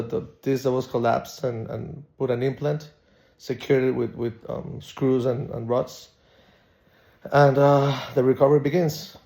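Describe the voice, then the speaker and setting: A man with a relaxed, mellow voice and a lot of vocal fry talks casually, as if updating viewers on a personal vlog. He is subdued and measured, and his sentences come haltingly as he searches for words. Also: medium pitch. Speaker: patient recording a recovery vlog.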